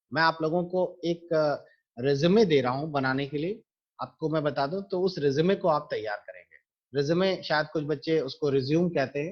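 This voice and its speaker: Male computer teacher for a screen-recorded lesson, patient and methodical, somewhat higher voice, muffled home mic. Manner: patient, explains step by step to students.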